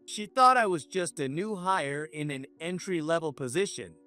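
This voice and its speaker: A man narrating a scripted first-person story in an even, measured way. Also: a little high, clear, resonant tone, faint music behind.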